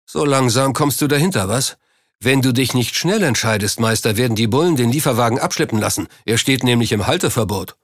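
A man doing a rumbling, menacing crook. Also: animated, no room sound, studio quality. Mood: smug. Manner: slow, coarse and threatening. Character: gruff male London crook, menacing and blunt.

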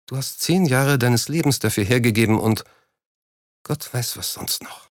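A man reading an audiobook, voicing an unhappy, reproachful wealthy wife in a raised, softer voice. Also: medium pitch, a little fast, dry recording, studio quality, natural voice. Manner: softly reproachful, drops her voice. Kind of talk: audiobook character voice.

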